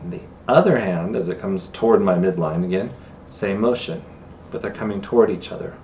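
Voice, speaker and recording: A man's voice: deep voice, a little fast, a little mellow. Chatty man teaching sign, heard from a distance. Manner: chatty, self-deprecating, laughs at himself. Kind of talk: friendly beginner lesson to camera. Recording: distant camera mic with faint room noise.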